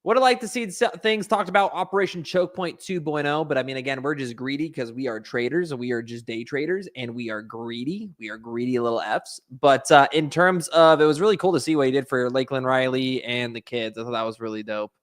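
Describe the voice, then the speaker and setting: A man's voice: medium pitch, a little fast, fairly bright tone. A man giving casual livestream commentary, talking to his viewers in slangy, informal language. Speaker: livestream host and day trader.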